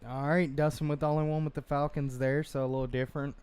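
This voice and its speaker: A man hosts a casual sports podcast with lively, joking energy. His voice sits a little high and sounds smooth and clean. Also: fast. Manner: animated, joking, leads the picks. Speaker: podcast host.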